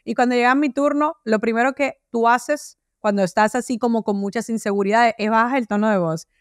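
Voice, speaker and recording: A middle-aged woman, a podcast guest, telling stories with animated energy and acting out little voices. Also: fairly high pitch, brisk, no room sound, clean studio sound. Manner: animated storyteller, acts out voices. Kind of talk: interview conversation.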